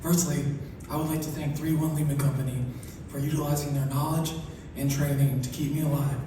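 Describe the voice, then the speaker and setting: A soft-spoken man giving an acceptance speech, his articulation slurred as if one side of his mouth is numb. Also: fairly high pitch, fairly even intonation, brisk. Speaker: award recipient. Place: large hall through PA. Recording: echoey hall, distant, noisy ambience.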